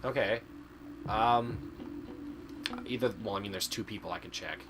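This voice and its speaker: A man's voice: lowish voice, moderate pace, background noise. A man from Canada doing live game stream commentary, chatting away and playfully arguing with his chat as he reads it aloud.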